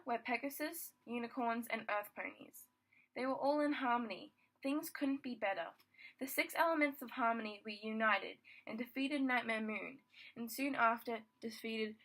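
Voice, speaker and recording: A woman's voice: fairly high pitch, a bit bright, low-quality recording. A young woman casually reading her own fan fiction aloud, stumbling and restarting lines as she goes. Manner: stumbling, rereads words, restarts sentences.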